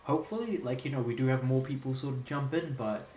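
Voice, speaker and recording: A man's voice: mid-range voice, fast talker, dark tone, a little hiss or hum. Laid-back rambling male game streamer. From Australia. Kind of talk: casual live-stream chat. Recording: echoey room.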